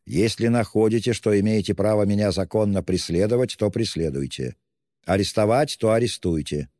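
A feverish, defiant young man played by a male audiobook reader, speaking loud, clipped and tense. The dark voice is pitched up for the part. It carries a long hall reverb. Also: clean studio sound, lightly acted.

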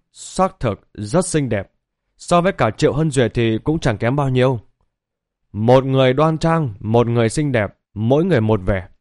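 A man reading a fantasy novel aloud in a steady, even storytelling manner. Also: medium pitch, no echo, studio quality. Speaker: audiobook narrator.

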